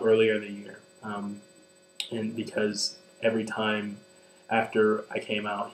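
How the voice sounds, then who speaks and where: Earnest, hesitant young man, low flat voice. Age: 20s. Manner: earnest, hesitant, many ums and restarts. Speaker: vlogger. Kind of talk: personal confessional vlog. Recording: echoey room with mains hum.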